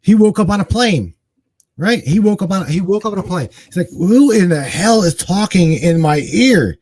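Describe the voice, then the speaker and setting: A man's voice: high-pitched, animated, moderate pace, a little mellow, dry recording. A man in his forties co-hosting a talk show, speaking emphatically and animatedly with casual slang. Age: 40s. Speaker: guest co-host. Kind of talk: casual conversation.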